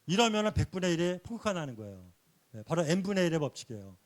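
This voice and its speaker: High-voiced man teaching a church class. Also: sing-song, quick pace. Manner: repeats a soft affirming "yes" between phrases; earnest, explanatory teaching with rhetorical questions. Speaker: church lecturer. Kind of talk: sermon-like lecture.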